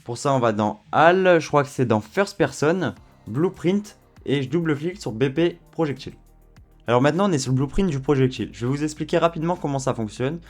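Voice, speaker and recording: A man walking viewers through a software tutorial in a relaxed, chatty way, with frequent fillers. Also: fairly high pitch, a little fast, soft background music. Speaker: tutorial host. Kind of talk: screen-recorded software tutorial.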